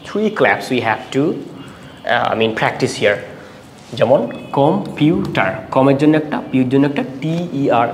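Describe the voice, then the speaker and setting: Guy teaching syllables, asks stuff then answers it himself, echoey room with a long ring, faint hiss. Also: mid-range voice. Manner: asks questions and answers them himself, repeating words slowly; switches between Bengali and English. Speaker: English teacher. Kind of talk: classroom lesson on syllables.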